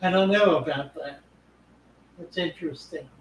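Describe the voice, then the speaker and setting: A man's voice: fairly high pitch, normal speed. An older man hosting a live stream, giving short encouraging replies and practical fishkeeping advice. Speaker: host. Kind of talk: live-stream casual chat. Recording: roomy echo, faint background noise.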